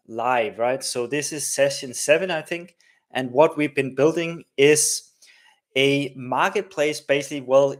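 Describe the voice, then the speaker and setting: He's from Denmark and runs a live coding stream, talking viewers through it casually with plenty of fillers and tag questions. His voice is mid-range and his manner chatty.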